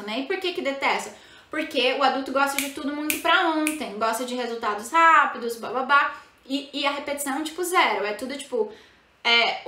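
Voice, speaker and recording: High, bright-voiced Brazilian woman. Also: echoey room. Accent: Brazilian Portuguese. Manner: chatty, lots of tag questions and fillers. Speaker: bilingual parenting educator. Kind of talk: casual explanatory talk to parents.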